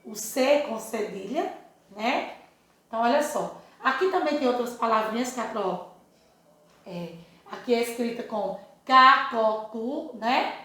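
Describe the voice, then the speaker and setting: A woman with a Brazilian Portuguese accent teaching a first-grade phonics lesson, drilling syllables in a slow sing-song and checking in often with the children. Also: fairly high pitch, animated, sharp tone. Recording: very echoey room.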